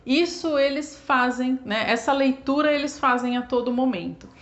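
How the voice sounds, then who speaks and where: A woman's voice: high-pitched, normal speed. A Brazilian woman explaining cat behavior in a chatty, informal way, often adding little tag questions and acting out what pet owners say. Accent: Brazilian Portuguese. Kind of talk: casual explanatory talk to camera.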